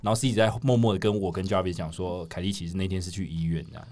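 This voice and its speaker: A man's voice: deep voice, fairly even intonation, racing, darkish tone. A Taiwanese man co-hosting a podcast in casual chat, teasing the others and tripping over his words. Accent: Taiwanese Mandarin. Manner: teasing, stumbles and repeats words. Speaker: podcast co-host.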